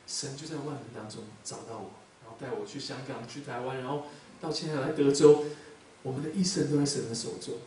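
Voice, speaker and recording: A man from Taiwan, preaching a sermon as a pastor and telling his own testimony, emotional and swinging between loud emphasis and soft murmurs. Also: mid-range voice, steady tone, quick pace, slight background noise. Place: church hall. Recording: very echoey hall, speaker far from mic.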